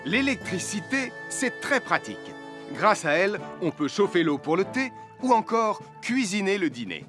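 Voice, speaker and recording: Cartoon fireman, upbeat friendly safety talk, high and sing-songy, music playing under. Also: moderate pace. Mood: cheerful. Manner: friendly, instructive, lively. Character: cheerful adult male fireman. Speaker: safety presenter. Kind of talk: French cartoon dub. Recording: studio voice with music behind.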